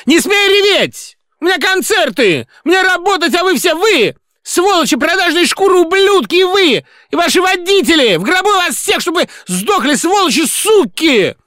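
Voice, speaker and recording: A screechy hysterical diva singer guy, spitting insults, super loud and high, dry audiobook sound. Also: sing-song, moderate pace, few pauses, no room sound, heavily acted. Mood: shrieking rage. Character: hysterical, spiteful male pop singer, shrieking tyrant.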